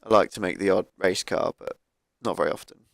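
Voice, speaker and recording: Man, low and gravelly with a croaky cold, casual gaming commentary, dry cheap mic. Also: fairly quick, fairly bright tone, no echo. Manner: thinking aloud, laid-back, with fillers. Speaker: gaming YouTuber. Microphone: cheap microphone.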